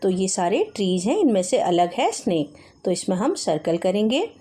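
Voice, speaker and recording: Woman teacher, warm low-key voice, patient, goes slow over word lists for little kids. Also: big pitch swings. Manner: patient, step-by-step, reads word lists slowly. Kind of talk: explaining textbook exercises in mixed Hindi and English.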